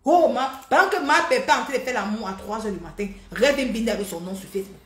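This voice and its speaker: A woman hosting a live stream, talking in an animated, mocking, repetitive way. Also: a little high, fast talker, echoey room. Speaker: livestream host. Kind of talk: heated live-stream rant.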